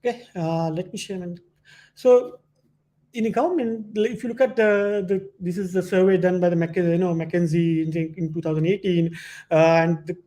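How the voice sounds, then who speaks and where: Male presenter, moderately high pitch, informal explanatory slide talk with hesitant, repetitive phrasing. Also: level tone, warm tone. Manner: hesitant, halting phrasing with frequent repetition and "you know".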